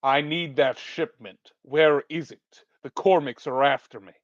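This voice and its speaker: A man's voice: on the high side, steady tone, measured pace, no room sound, dull audio, lightly acted. A man playing a strong, stubborn male warrior hero who speaks bluntly and insists on answers. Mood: insistent.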